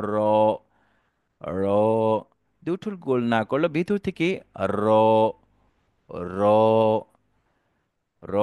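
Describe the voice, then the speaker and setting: A male Quran teacher giving an online alphabet lesson, drawing out each letter slowly and asking viewers to repeat after him. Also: mid-range voice, dry recording, clean studio sound. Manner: slow, drawn-out letter recitation for viewers to repeat; patient, repetitive teaching.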